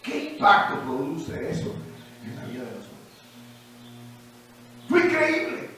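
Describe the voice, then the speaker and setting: A male pastor preaching and telling stories, going from quiet asides to shouted declarations, with a Peruvian Spanish accent. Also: on the high side, huge pitch swings, a little slow, slight background noise. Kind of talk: sermon with testimony. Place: church hall. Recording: echoey church hall, distant mic.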